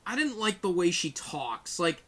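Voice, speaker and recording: A man's voice: sits high, sing-song, a little slow, a bit bright. A man co-hosting a casual podcast chat, making blunt, jokey asides. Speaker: podcast co-host.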